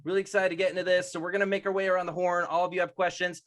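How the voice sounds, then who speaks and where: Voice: medium pitch, little pitch movement, very fast, a bit bright. A panel host introducing a voice cast one by one and moderating fan questions. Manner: upbeat, introducing guests one by one.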